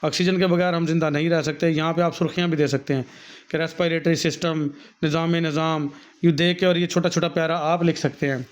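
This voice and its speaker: A man's voice: a little high, flat delivery, fast talker. A male teacher with a Pakistani Urdu accent, reading from a textbook and then explaining each point to his students in his own words. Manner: reads a passage, then explains it warmly to students, calling them "beta". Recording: dull, lo-fi recording.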